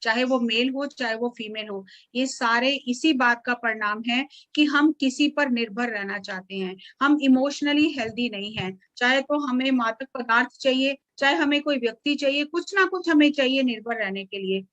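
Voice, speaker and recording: A woman meditation teacher guiding a meditation and giving a calm, slow, explanatory spiritual talk. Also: high-pitched, dull audio.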